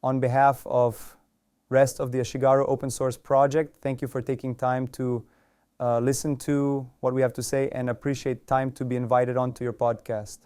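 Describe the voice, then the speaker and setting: A man whose voice is run through a voice changer to hide his identity, answering interview questions politely and a little haltingly as an open-source developer on a remote call. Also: mid-range voice, flat delivery, warm tone, clean tone, dry recording, studio quality. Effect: voice changer disguising his identity.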